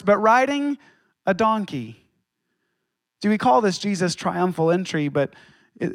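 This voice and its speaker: A pastor delivers a sermon in a fairly high male voice, relying on dramatic pauses and acting out quotations. The recording sounds dry and close, with hardly any room echo.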